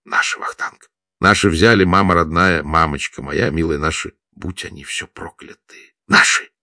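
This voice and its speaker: A man voicing a brash, war-weary soldier who drawls lazily and shouts when excited. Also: low-pitched, normal speed, no room sound, studio quality, full character voice. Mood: jubilant. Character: brash war-weary Soviet soldier, lazy then jubilant.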